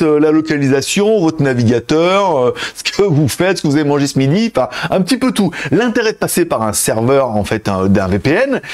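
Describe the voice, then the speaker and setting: Fast-talking animated man reviewer. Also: a little high. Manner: chatty, addresses viewers directly. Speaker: tech reviewer. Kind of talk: casual tech review.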